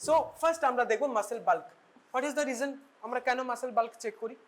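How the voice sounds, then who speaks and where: A young woman with a Bengali accent teaching a medical class, her voice sitting a little high. She mixes English and Bengali, often fast, and punctuates points with tag questions like "okay" and "right". The delivery is that of a lecture to a room of students. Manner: switches between English and Bengali, quick asides with questioning tag words.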